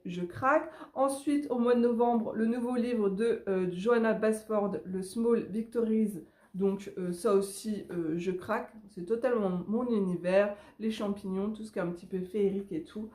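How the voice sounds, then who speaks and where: A woman's voice: medium pitch, warm tone, echoey room. A woman chatting casually about upcoming coloring books, enthusiastic and hesitant, with many small fillers. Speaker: coloring book vlogger. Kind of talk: casual chat about upcoming book releases.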